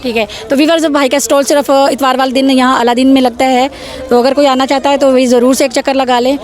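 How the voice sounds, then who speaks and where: High-voiced Pakistani woman, promotional market patter. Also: fairly even intonation, quick pace. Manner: repetitive promotional patter urging viewers to come and buy. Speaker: market vlog host. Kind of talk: vlog commentary selling stall goods to viewers. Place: outdoor street bazaar.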